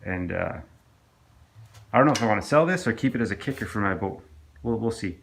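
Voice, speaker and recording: A man's voice: lowish voice, expressive, a little fast, gravelly. A man casually narrating his work on an old outboard engine in a home workshop, with lots of hesitant restarts and fillers. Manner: rambling, hesitant, full of restarts and ums.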